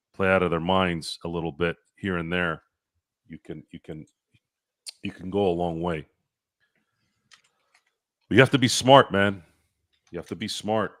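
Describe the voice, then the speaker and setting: A man hosting a sports talk show, ranting with heated, profane opinions. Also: sits low. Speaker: sports podcast host.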